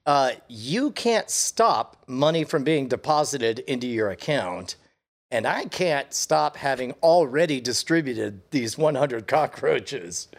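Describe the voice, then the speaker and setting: Stammering man with a lively voice. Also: medium pitch, vocal fry. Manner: halting, stammering restarts, laughs often. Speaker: podcast co-host. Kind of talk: casual comedic chat.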